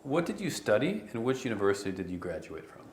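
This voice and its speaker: A man hosting an interview, asking plain, steady questions. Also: on the low side, fast, reverberant. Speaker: interviewer, host.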